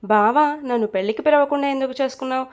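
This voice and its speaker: A woman's voice: high-pitched, fast talker, natural voice. A woman reading a storybook, voicing a playful, teasing young woman who pesters her relatives.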